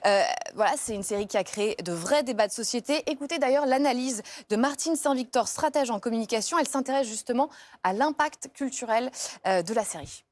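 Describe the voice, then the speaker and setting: A woman's voice: a little high, a little fast. A woman reporting live on a TV news set, chatty, with frequent hesitations and restarts. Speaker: entertainment reporter.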